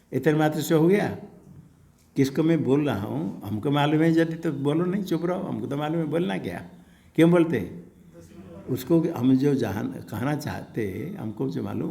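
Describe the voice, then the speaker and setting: A man teaching a scripture class in an ashram, explaining at an unhurried pace with an occasional soft laugh. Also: medium pitch, vocal fry.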